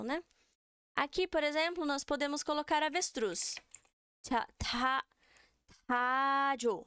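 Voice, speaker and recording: A woman's voice: high voice, fairly bright tone, no echo, studio quality. A young Brazilian woman with a Brazilian Portuguese accent, teaching a beginner language lesson and patiently repeating syllables for students to copy.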